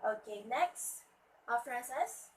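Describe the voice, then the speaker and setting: A woman teacher giving an English lesson, modeling word stress slowly and praising students. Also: on the high side, expressive, distant mic, a little hiss or hum, poor audio.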